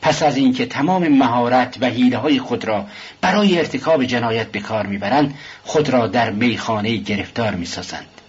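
Earnest, chatty police clerk, read by a man; husky voice, muffled audiobook sound. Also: medium pitch. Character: eager male police office clerk, talkative. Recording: dull lo-fi recording.

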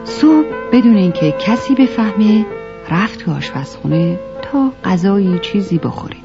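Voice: mid-range voice, sing-song. A storyteller narrating a children's tale, talking to the kids listening. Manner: addresses children warmly as listeners. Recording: lo-fi recording with music behind.

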